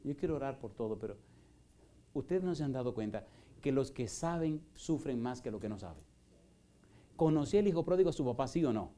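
Male pastor, middle-aged, fervent church sermon, rhetorical questions, loud to hushed, warm mellow tone, mid pitch. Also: expressive, brisk. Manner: impassioned, rhetorical questions, shifts from loud preaching to soft pleading. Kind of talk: evangelistic sermon with altar call. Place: church in Houston, Texas.

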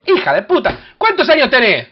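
A host with an Argentine accent, brashly teasing and shouting insults at strangers in a crude comedic video chat. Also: high-pitched, huge pitch swings, a little fast, slightly rough. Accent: Argentine Spanish. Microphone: computer webcam mic. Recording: dull lo-fi webcam audio with faint hiss.

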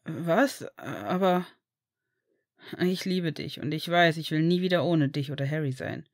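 A woman voicing an earnest, devoted grown man in a storybook reading, speaking low. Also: expressive, a little slow, no room sound, studio quality, heavily acted.

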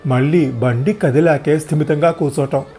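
A man's voice: on the high side, animated, moderate pace, warm tone, soft background music, voice pushed up, lightly acted. A man voicing a talkative, meddling elderly mother in a wheelchair, fussing over everyone in a storybook reading. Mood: chatty.

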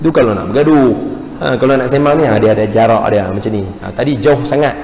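A man with a northern Malaysian accent giving a lively, humorous lecture in a large mosque hall, acting out little dialogues as he teaches. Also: medium pitch, quick pace. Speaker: religious lecturer. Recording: echoey hall with faint background hum.

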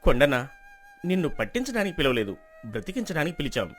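An earnest young villager pleads his case with lively rises and falls in pitch, as a man acts him out. He argues quickly and firmly, like a hero in a storybook drama. Soft music plays underneath. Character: earnest young male villager, calm and persuasive.

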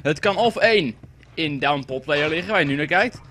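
A man's voice: a little high, lively intonation, moderate pace, a bit bright, a little hiss or hum. A young man giving casual, rambling commentary while playing a game, and swearing when it lags. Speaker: gaming commentator. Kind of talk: casual let's-play commentary.

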